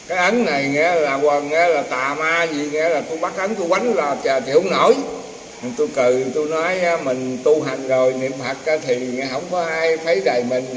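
An older man, a temple herbal healer, casually telling rambling, folksy stories and acting out the dialogue of others. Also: a little high. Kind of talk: casual storytelling. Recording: echoey, distant, roomy with faint noise.

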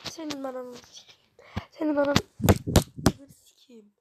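A woman commenting live on her gameplay as a gaming channel host, excitable and frustrated, swearing constantly at the game. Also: sits high, a little slow, very noisy.

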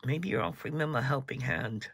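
Gravelly man reading tarot cards. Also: medium pitch, brisk, fairly bright tone, dry recording. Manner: chatty, breaks off to yawn and apologize. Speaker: tarot reader.

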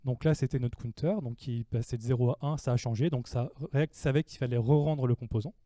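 Dark-voiced French tech speaker explaining code. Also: male voice, medium pitch, a little fast, no echo. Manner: explanatory, asks and answers his own questions. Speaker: conference speaker. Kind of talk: technical talk on stage. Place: meetup room before an audience.

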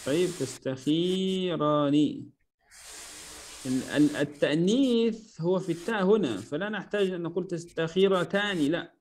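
A man's voice: fairly high pitch, normal speed, darkish tone. A man teaching Arabic verb conjugation, patiently drilling forms one by one and correcting himself and his student aloud. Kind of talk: correcting homework in an online lesson.

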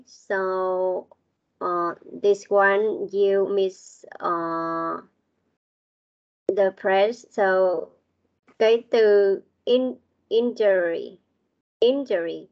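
Vietnamese woman teaching slowly online. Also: mid-range voice, muffled recording. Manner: mixes Vietnamese and English, corrects pronunciation. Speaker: English teacher.

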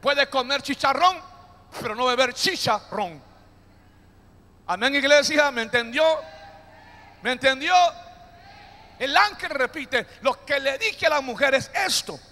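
A man's voice: extremely high pitch, animated, a little slow, long pauses, bright, forceful tone. A man preaching a sermon as pastor, joking with the congregation and calling them to repeat after him. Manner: preaching with call-and-response to the congregation; jokey, playful asides. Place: church hall. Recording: long hall reverb.

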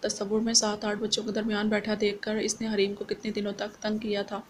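A woman narrating a romance novel in a scripted, even, unhurried reading. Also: mid-range voice, a little hiss or hum. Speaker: audiobook narrator.

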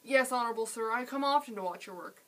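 A woman's voice: a little high, fast talker, fairly bright tone, voice pushed up, natural voice. A woman reading aloud, voicing a poor young boy who answers respectfully and pleads. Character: poor young beggar boy, humble and proud.

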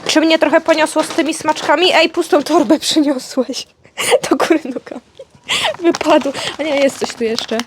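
A woman's voice: sits high, steady tone, normal speed, a little hiss or hum. A woman chatting playfully with her dog while opening his birthday presents, coaxing him in a sweet pet-talk way. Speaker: vlogger, dog owner. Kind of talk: casual chat to her dog. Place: indoors at home with her dog.

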